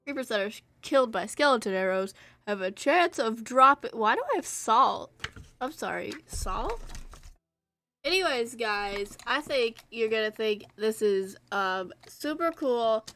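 A woman's voice: fairly high pitch, expressive, a little slow, fairly bright tone, faint music behind. A young woman streaming a game live from home into a close desk mic, chatting in a rambling, self-interrupting way and humming nonsense tunes. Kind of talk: casual live-stream chat over gameplay.

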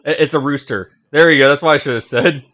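A man hosting a video game session, chatting casually, laughing often and shouting at the screen. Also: on the high side, quick pace. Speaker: let's play host. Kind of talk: casual gameplay commentary.

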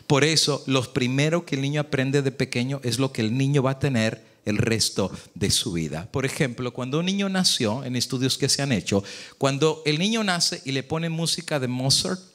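A man's voice: medium pitch, a bit bright. A man, a pastor, preaching a sermon in Spanish and explaining points to the congregation with rhetorical questions.

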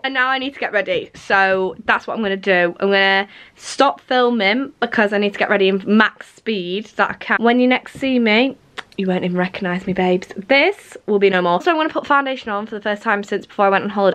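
A woman's voice: medium pitch, brisk, fairly bright tone. A woman in her twenties chatting casually to camera at home in a rambling, self-mocking way. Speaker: vlogger. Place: at home, indoors.

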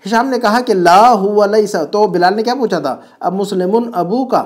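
A man's voice: high-pitched, normal speed. A man teaching an Arabic class from home, explaining each phrase patiently and quizzing his student.

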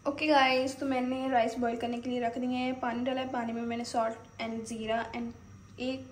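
A woman's voice: a little high, little pitch movement, normal speed, a little hiss or hum. A young woman chatting casually to viewers and walking them through her chores and cooking, step by step. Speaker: vlogger. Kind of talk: casual chatty vlog narration. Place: apartment kitchen and laundry area, indoors.

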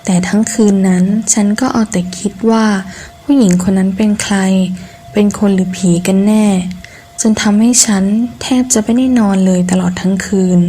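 A woman reading a scripted first-person ghost story in measured, deliberate phrases with pauses. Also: medium pitch, dark tone, slightly rough. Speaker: horror story narrator.

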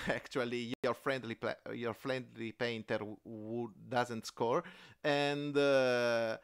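Man with a smooth, resonant voice. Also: mid-range voice, steady tone. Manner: halting, many fillers and restarts. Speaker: podcast co-host. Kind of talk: casual board game chat.

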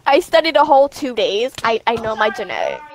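A giggly woman chatting with friends over a game. Her voice sits high and swoops widely. She laughs often and pushes back at teasing. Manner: playfully defensive. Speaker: gamer. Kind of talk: casual gaming chat. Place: home, gaming with friends.

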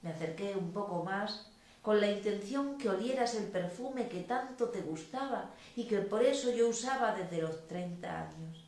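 A woman's voice: mid-range voice, normal speed, darkish tone. Woman reading poetic prose, very echoey. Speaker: reader. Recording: very echoey room.

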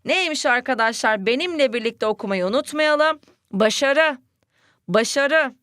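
A young woman teaching first graders to read. She sounds cheerful and speaks slowly, repeating each word aloud for the children. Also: high voice, expressive, fairly bright tone, no room sound, studio quality. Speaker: primary school teacher. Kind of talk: children's reading lesson.

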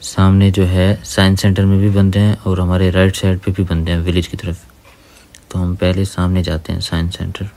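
A man's voice: sits low, monotone, normal speed, a little mellow. A man giving casual gameplay voice-over commentary, talking to viewers as brothers. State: dry throat from talking. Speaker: gaming YouTuber. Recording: faint gunfire under the voice.

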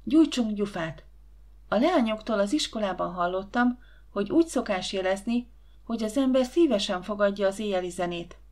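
A woman voicing a sensible teenage girl who speaks in a hushed, matter-of-fact way in an audiobook. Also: mid-range voice, animated, natural voice.

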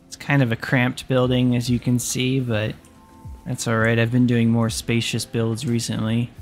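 A young man talks through his factory build in loose, joking gameplay commentary, with the odd curse thrown in. His voice sits in a middle pitch. Soft music plays quietly behind him. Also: monotone, normal speed. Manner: goofy, jokey, swears freely. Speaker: gaming YouTuber.

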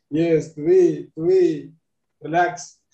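A young man whose first language is Spanish talks over a video call in halting, restarting English. His voice sits a little high and sounds mellow. The webcam audio is roomy and dull. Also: fairly even intonation. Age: 20s. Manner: halting non-native English with frequent restarts and laughs. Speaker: interview guest, trader. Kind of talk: casual video call interview. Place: bright room indoors.

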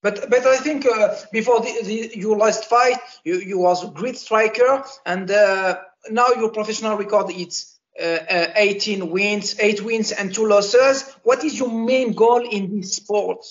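A man asks interview questions in a stumbling, hesitant way. His voice is high for a man. The recording sounds dull and muffled. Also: a little slow, hardly any pauses.

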